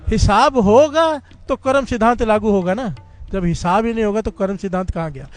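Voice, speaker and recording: A Sikh preacher with a high male voice gives katha, a fervent devotional sermon with call-and-response, speaking fast. He tells stories with passion and often leads the congregation in "dhan guru nanak." Faint music plays behind him.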